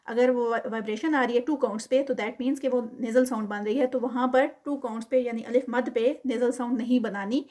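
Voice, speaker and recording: A slightly high-pitched woman with a Pakistani Urdu accent gives a recitation lesson. She models each word in a long sung drone, then explains in a steady, careful teaching voice with English terms dropped in. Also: few pauses.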